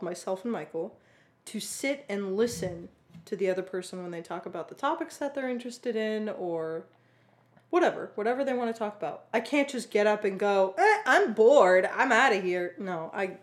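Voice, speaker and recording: A young adult woman co-hosting a casual podcast, talking in a playful, giggly way. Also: medium pitch. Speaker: podcast co-host. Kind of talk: casual chat.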